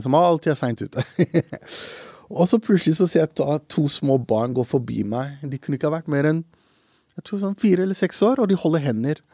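A man's voice: mid-range voice, vocal fry, dark tone, no echo, clean studio sound. A young man, a comic creator, telling a story in an interview in an earnest, reflective way with many hesitations.

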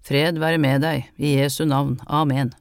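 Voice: mid-range voice, little pitch movement, no echo, clean studio sound, lightly acted. An audiobook reader voicing a stern old woman folk healer who gives brusque, matter-of-fact orders. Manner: gruff, matter-of-fact commands. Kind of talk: audiobook character reading.

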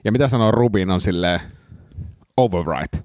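A man's voice: deep voice, lively intonation, a little mellow, no echo, clean studio sound. A man hosting a comedy podcast, chatting loosely and rambling with fillers and swearing. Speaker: podcast host. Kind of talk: casual chat.

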